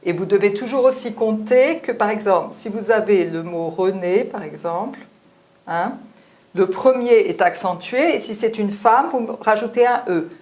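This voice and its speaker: A woman's voice: medium pitch, moderate pace, a little mellow. A woman giving a French lesson to learners, explaining patiently and tagging her sentences with a frequent "hein". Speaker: French teacher. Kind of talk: spoken language lesson.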